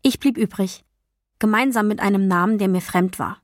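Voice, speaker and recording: A woman reading a first-person novel as an audiobook, in a calm, even storytelling voice with quiet dialogue voices. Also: medium pitch, moderate pace, dry recording, studio quality. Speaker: audiobook narrator. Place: dry recording booth. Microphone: close studio mic.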